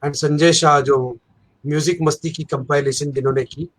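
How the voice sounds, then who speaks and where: Man, fairly high voice, anchor. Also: fairly even intonation, moderate pace. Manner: storytelling, self-deprecating humor. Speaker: event anchor. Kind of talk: casual panel chat.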